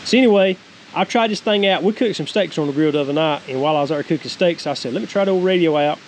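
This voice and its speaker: A Southern US man in his forties, a homestead vlogger, gives a casual, rambling, folksy product review, starting outdoors by a wooded creek and moving to a cabin deck. His voice is on the high side and very fast. The low-quality recording carries a clear, steady outdoor hiss.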